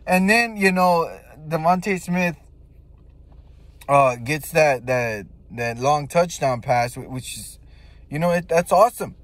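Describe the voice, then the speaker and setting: A man's voice: fairly high pitch, lively intonation, slow pace, dry recording. A man giving casual sports fan commentary in a blunt, emphatic way, with slang and swearing. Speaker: football fan giving game reaction.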